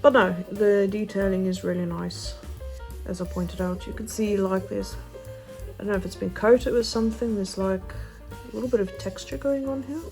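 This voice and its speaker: A woman's voice: mid-range voice, steady tone, moderate pace, a little mellow, faint music behind. A woman chatting casually in a craft vlog, hesitant and full of fillers. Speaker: craft vlogger. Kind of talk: casual unboxing chat.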